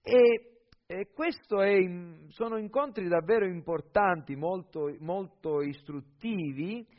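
Slow, hesitant man preaching a sermon. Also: high-pitched, lo-fi sound. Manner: slow, measured delivery with frequent hesitations. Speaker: pastor. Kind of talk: sermon with scripture reading.

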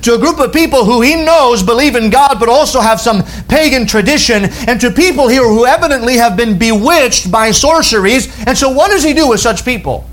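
A pastor preaching a sermon, earnest, slowing down and dropping his voice to stress key words. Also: very high-pitched, animated.

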